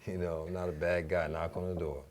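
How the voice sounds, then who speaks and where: Appearing as a radio interview guest, a New York City DJ and music teacher rambles in slangy, casual talk peppered with "you know" and "man." He has a New York accent and a low voice, delivered briskly and flatly, with slight background noise.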